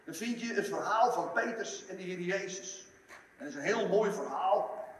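A man preaching a sermon, lively, acting out the story in voices. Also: high-pitched, moderate pace, slight background noise. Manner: animated, acts out the story in voices. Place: large church hall. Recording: echoey hall, from far off.

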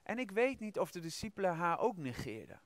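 High-voiced man preaching a sermon. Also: a little fast, no room sound. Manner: lively storytelling, retells the scripture in his own words; addresses listeners directly with questions.

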